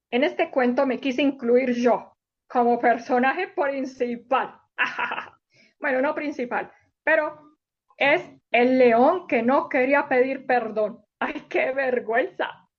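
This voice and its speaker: A woman's voice: high voice, takes it slowly. A woman telling stories to young children in a sing-song way, repeating words for emphasis, on a dull lo-fi recording. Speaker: children's storyteller and teacher.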